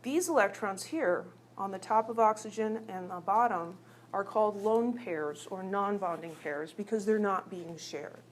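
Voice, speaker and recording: A woman's voice: medium pitch, a little slow, a little hiss or hum. A woman teaching a chemistry class in a chatty, teasing way, asking her students questions as she works through examples. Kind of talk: recorded classroom lecture.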